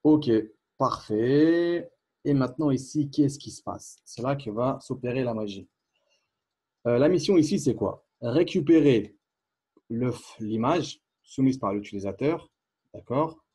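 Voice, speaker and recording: A man giving a casual screencast programming lesson, thinking aloud with fillers and quick asides as he types. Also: medium pitch, animated, dark tone, slightly rough. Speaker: programming instructor. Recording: faint keyboard clicks behind.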